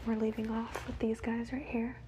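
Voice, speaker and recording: A woman whispers wildlife facts in a soft, measured ASMR reading, as quietly as someone watching animals. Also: fairly high pitch, little pitch movement, background noise. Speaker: ASMR host.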